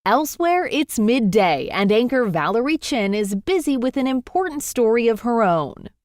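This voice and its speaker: A woman delivers scripted narration. Her pitch moves around in a lively way, and the sound is dry with no room echo. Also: normal speed.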